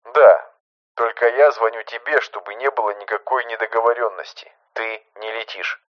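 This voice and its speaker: Middle-aged male boss, hushed and steady, as a male narrator voices him; muffled audio. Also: lightly acted. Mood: calm, firm. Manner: low, hushed, measured. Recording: muffled lo-fi recording.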